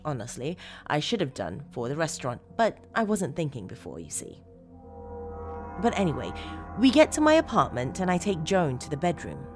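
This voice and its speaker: A female narrator plays a disturbed woman telling a horror confession over music. Her voice is low and swings expressively as she confides with obsessive, unsettling fondness, pausing deliberately for drama. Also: a little mellow. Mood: excited, confiding. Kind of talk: first-person horror story narration, acted monologue.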